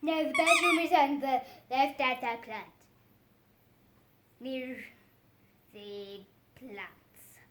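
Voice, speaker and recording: Putting on an improvised puppet show, a child theatrically plays the characters and exclaims along the way, though the high-pitched voice stays steady and moves extremely slowly with long pauses. The room is echoey, and some background noise can be heard.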